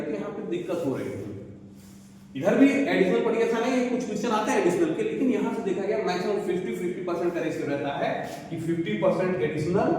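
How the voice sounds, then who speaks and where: A man's voice: high-pitched, dark tone. A male teacher giving fatherly exam advice to students, recorded in an echoey room. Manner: fatherly, addresses students as beta. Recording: echoey room with faint hiss.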